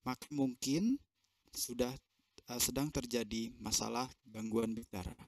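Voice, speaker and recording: A man interprets a seminar phrase by phrase over a video call, in a dry, close sound. He fills pauses and corrects himself mid-phrase as he translates. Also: mid-range voice, dry recording. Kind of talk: consecutive interpretation.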